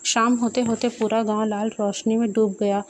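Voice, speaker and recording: A woman telling a comic horror fan story in a lively, playful storytelling manner. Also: on the high side, moderate pace, a little hiss or hum.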